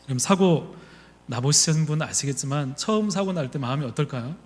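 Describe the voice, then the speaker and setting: A male pastor delivers a sermon in a slightly high voice. He tells stories and voices his own inner thoughts along the way. A long reverb hangs on his words, as in a church hall. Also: lively intonation, fairly quick, slight background noise. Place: church sanctuary.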